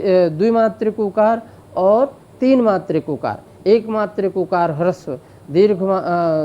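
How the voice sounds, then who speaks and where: An Indian man gives a slow, explanatory lecture on Sanskrit grammar, stretching out vowel sounds to demonstrate them and using frequent fillers. His voice is high and the audio is dull.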